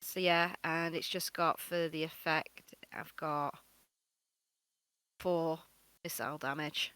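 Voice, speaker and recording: Give me a bright-voiced player hesitantly reading out spell rules. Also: medium pitch, steady tone, slow pace, clear, resonant tone, dry recording. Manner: hesitant, lots of ums, reading rules aloud. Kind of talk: casual tabletop game chat.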